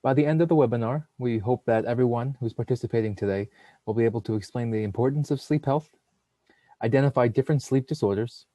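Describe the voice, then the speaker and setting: Speaking fast in a medium pitch, this young nursing student runs a webinar and reads his script over a computer microphone. The recording is dry, and he stays steady while reciting lengthy lists of names and titles for the presentation.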